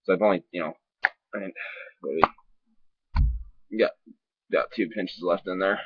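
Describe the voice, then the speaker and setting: Male reviewer, lowish raspy voice, talking around a lip full of dip; loose, sweary, repetitive delivery, dry muffled lo-fi recording. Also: steady tone, dry recording. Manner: sweary, informal, halting and repetitive. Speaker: dip reviewer on a video channel. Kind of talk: casual rambling review to camera. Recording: dull lo-fi sound.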